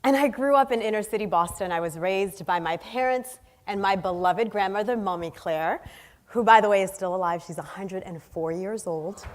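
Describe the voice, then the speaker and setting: A Haitian-born woman, speaking as a guest on stage in a large hall, gives an earnest keynote built on storytelling and lists her points emphatically. Her mid-range voice moves at normal speed, with long hall reverb on the recording.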